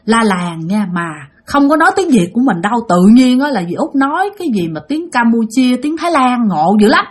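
A woman with a Southern Vietnamese accent narrating a ghost story in an animated, chatty way, speaking straight to her listeners. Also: a little high, brisk.

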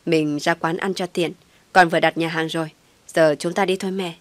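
A woman's voice: on the low side, steady tone, moderate pace, dry recording, close to an everyday voice. A woman voicing a devoted young man who coaxes and pleads in an audio story. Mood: coaxing pleading. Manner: coaxing, pleading.

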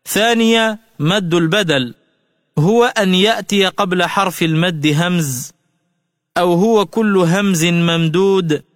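A man with a high voice gives a tajweed lesson for radio, explaining each rule in a measured way and drawing out the example words as he chants them. His voice is close and dry, with a long reverb tail behind it. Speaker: Quran recitation teacher.

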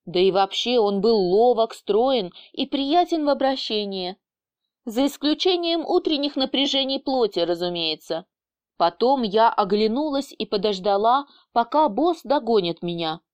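A woman reading an audiobook aloud in a lively, teasing first-person storytelling manner. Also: on the high side, a little slow, clean tone, dry recording. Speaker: audiobook narrator. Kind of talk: scripted first-person narration.

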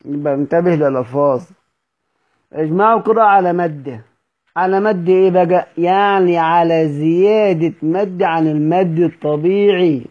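A man's voice: a little high, normal speed. Egyptian man teaching, lo-fi recording. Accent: Egyptian Arabic. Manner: explanatory, repeats points and quizzes students. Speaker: Quran recitation teacher. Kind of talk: recorded study session lecture.

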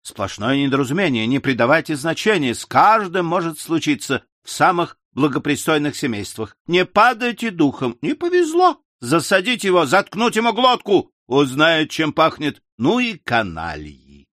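A man's voice: sits high, expressive, pushed and bright, no echo, studio quality, voice pushed up. A man reading an audiobook, voicing a brash young man who fires off short, clipped fragments of speech. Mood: brisk. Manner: rapid clipped fragmentary phrases. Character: fast-talking young man in green coat, brash, clipped.

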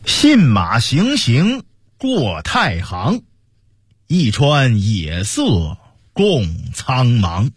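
Raspy guy reciting poetry like an old-school chinese storyteller, super slow, wild pitch swings, dry sound. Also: huge pitch swings, dry recording. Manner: declaimed, drawn-out. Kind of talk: traditional pingshu storytelling, verse recitation.

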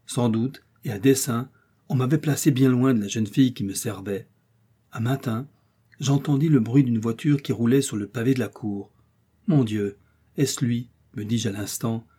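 A man narrates a literary novel in a slow, solemn, measured reading. His voice is dark and mellow with a husky edge. The pitch sits in a middle range. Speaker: audiobook reader.

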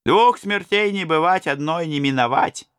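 A man voicing a band of rough outlaws in an audiobook, crying out in high raised voices. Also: normal speed, a bit bright, no room sound, studio quality, lightly acted. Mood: stirred. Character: band of rough Russian outlaws, men of mixed ages, rousing. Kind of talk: audiobook reading.

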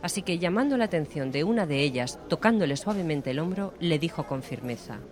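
A man narrating an audiobook in a steady, measured storytelling voice. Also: a little high. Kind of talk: scripted narration.

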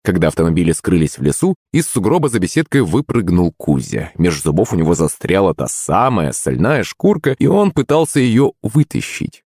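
A man narrating an audiobook with lively storytelling. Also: deep voice, normal speed, few pauses, slightly rough, no echo, clean studio sound.

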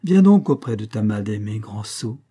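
A man's voice: fairly low pitch, sing-song, moderate pace, dark tone. A man reading aloud and voicing a fickle, talkative young wife in a raised, lighter voice. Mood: coaxing.

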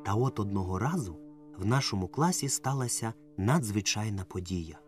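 A man narrating a children's story as an audiobook, telling it lively and acting out the dialogue. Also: on the low side, normal speed. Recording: dry close mic with faint music.

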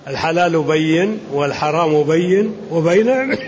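An older man from Saudi Arabia, an Islamic scholar answering questions in a measured, explanatory lecture, reading each question aloud and then rebutting it. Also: fairly high pitch. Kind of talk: religious Q&A lecture. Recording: muffled lo-fi lecture recording with faint hiss.

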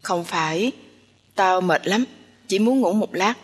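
A woman's voice: medium pitch, slow pace, slightly rough, pitched below the performer's own voice. A woman voicing a tired, withdrawn young caregiver who talks in a weary, reluctant way. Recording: long hall reverb.

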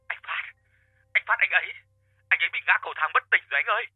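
A man's voice: fast, slightly rough, no room sound, phone-quality sound, soft background music. A man putting on a frantic grieving wife. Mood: panicked. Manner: breathless, pleading, high-pitched. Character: panicked grieving wife, middle-aged woman.

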